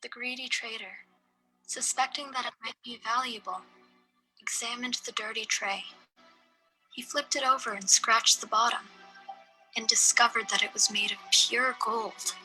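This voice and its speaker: A woman reading a folk tale aloud at a steady, measured pace. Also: fairly high pitch, faint music behind, rough recording. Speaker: storyteller.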